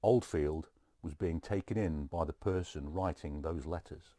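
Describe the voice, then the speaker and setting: Brief: very low, mellow male voice, calm and advisory, dry close sound. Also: measured pace, no room sound. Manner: calm, advisory, asks rhetorical questions. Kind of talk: expert commentary in conversation.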